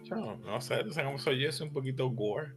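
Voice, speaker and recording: A man, co-hosting a casual anime discussion, talking in an excitable, rambling way and dropping in English words. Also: mid-range voice, fairly quick, music in the background. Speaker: co-host.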